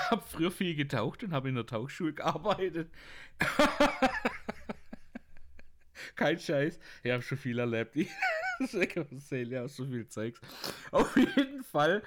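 A middle-aged man with a Swabian German accent, casually telling jokes as host, chuckling often and tagging lines with a questioning "gell". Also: medium pitch.

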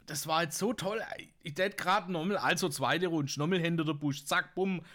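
A man's voice: fairly high pitch, normal speed, sharp tone. Swabian guy putting on a bumbling bad wolf in a dirty joke, hesitant, um-ing and ah-ing. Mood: sheepish. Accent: Swabian German.

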